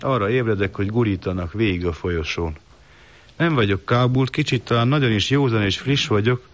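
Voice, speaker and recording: A man reading a first-person literary story in a measured, calm, reflective way, on a dull lo-fi recording. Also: lowish voice. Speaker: narrator.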